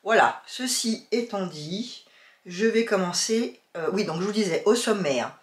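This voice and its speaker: Her medium-pitched voice is expressive and unhurried as she talks to camera about knitting and sewing. She has a cold and keeps sniffling, and her casual chat is full of hesitation and filler words, recorded with a roomy sound.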